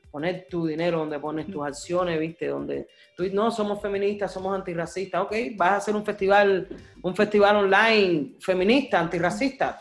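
A man speaking as a guest artist and activist in a radio interview, passionate, often repeating and searching for words. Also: sits high.

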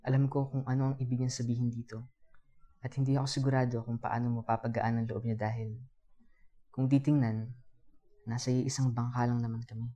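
A young man narrating a first-person story in a calm, reflective way. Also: mid-range voice, fairly quick, pauses often.

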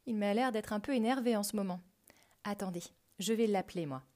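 A woman's voice: mid-range voice, fairly quick, warm tone, natural voice. A woman voicing a bewildered, impulsive male reporter in a storybook reading. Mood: puzzled. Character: bewildered grown man reporter, cheerful.

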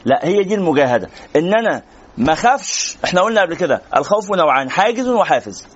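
Fast-talking Egyptian sheikh lecturing. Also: male voice, on the high side, big pitch swings, breathy edge, highs cut off. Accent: Egyptian Arabic. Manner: rapid, conversational, answering students' questions. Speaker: sheikh teaching a religious lesson. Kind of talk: religious lecture to a class.

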